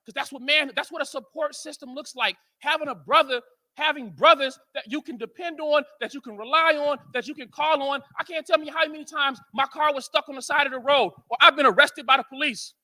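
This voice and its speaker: Bright, high-voiced American man preaching. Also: a little fast. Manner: animated storyteller, keeps asking "right?". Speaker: conference speaker. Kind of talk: motivational speech to men.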